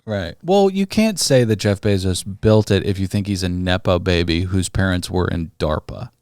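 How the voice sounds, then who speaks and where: A man's voice: deep voice, animated, moderate pace, darkish tone, clear, resonant tone, no room sound, clean studio sound. A man co-hosting a podcast, teasing and sarcastic in casual banter. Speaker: podcast co-host.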